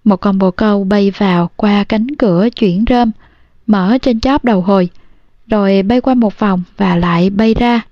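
A woman reading a novel aloud in a calm, measured way, as an audiobook narrator. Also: medium pitch, dry recording, muffled recording. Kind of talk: storybook narration.

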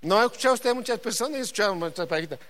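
A woman preaching a sermon to a congregation, dropping to a hush and then rising to loud, emphatic calls, and asking the listeners to repeat her phrases. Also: medium pitch, expressive, very fast.

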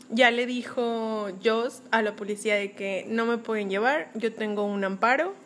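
Higher-pitched Mexican woman chatting on a podcast. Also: a bit bright. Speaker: podcast co-host. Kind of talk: casual gossipy chat.

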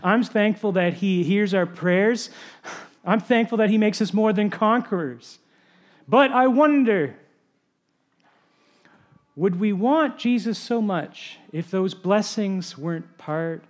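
High-voiced man preaching a sermon. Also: expressive, slow pace, long pauses. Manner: drops to a soft low voice for emphasis. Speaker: pastor.

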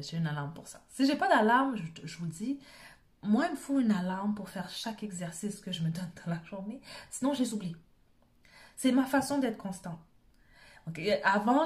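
A woman's voice: medium pitch, darkish tone. Quebec french lady doing a casual self-help pep talk, chatty, keeps checking you're following. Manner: conversational, checks in often with short tag questions. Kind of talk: informal motivational talk to the listener.

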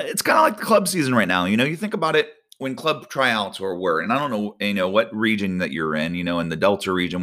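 A man, a volleyball coach giving a casual devotional talk with prayer, animated and conversational with many fillers. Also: lowish voice. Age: 40s.

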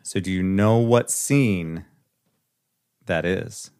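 A man's voice: deep voice, takes it slowly, a little mellow, clean tone. A man hosting a casual chat, quizzing his friend on movie clips with easy jokes. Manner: jokey, runs a quiz game. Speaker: podcast host.

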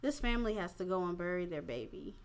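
Female host, low register, mildly tipsy, blunt and informal, opinionated conversational delivery. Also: expressive, fast talker. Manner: candid, profane, informal slangy phrasing. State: a little tipsy. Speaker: podcast host. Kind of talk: casual opinionated talk.

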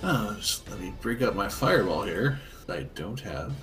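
A man's voice: fairly low pitch, lively intonation, normal speed, over music. A man talking casually as a player in a tabletop role-playing game.

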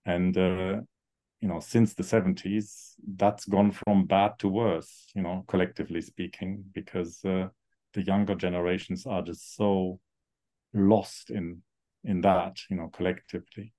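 A man, a psychotherapist speaking reflectively in an interview, with frequent pauses and fillers. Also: low voice, level tone, warm tone. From Germany. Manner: thoughtful, halting, many fillers. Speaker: guest psychotherapist.

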